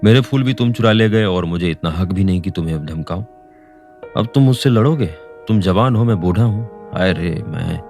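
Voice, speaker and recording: A man's voice: deep voice, normal speed, a little mellow, soft background music, lightly acted. A man voicing a frail, sickly old man who pants and whines in sobbing complaints. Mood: whining, sobbing. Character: frail sick old man, panting and weepy.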